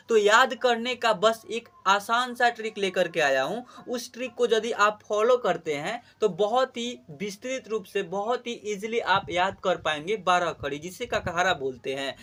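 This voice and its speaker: A man's voice: sits high, a bit bright. A man teaching the Hindi alphabet to children, explaining patiently and chanting syllables aloud for practice.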